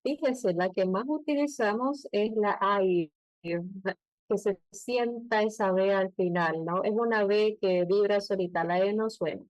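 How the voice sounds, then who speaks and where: A woman with a Bolivian Spanish accent, teaching an English pronunciation lesson and slowing down to model phrases. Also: medium pitch, dry recording, low-quality recording. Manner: explains patiently, slows down to model English phrases.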